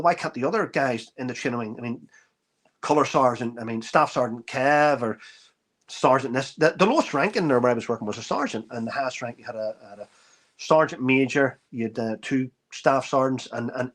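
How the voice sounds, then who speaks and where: A middle-aged army veteran telling an anecdote in casual talk, acting out the dialogue, with many restarts. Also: male voice, medium pitch, a bit bright. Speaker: author and army veteran guest. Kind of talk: casual spoken storytelling.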